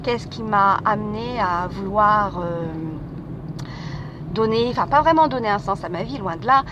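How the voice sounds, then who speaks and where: Woman podcaster, casual street monologue, halting delivery, vehicles rumbling past. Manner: hesitant, many fillers and restarts. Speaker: podcast host. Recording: street noise with passing vehicles.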